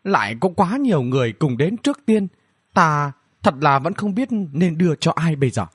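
A man's voice: fairly high pitch, very animated, normal speed, no room sound, studio quality. A man voicing a bratty, mischievous young girl princess who taunts and whines in a cheeky way. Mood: excited. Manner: cheeky, whiny, provocative.

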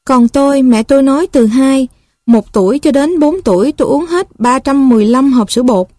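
A woman with a Southern Vietnamese accent reading a story aloud in a gentle, even storytelling manner. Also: sits high, moderate pace, no echo, clean studio sound.

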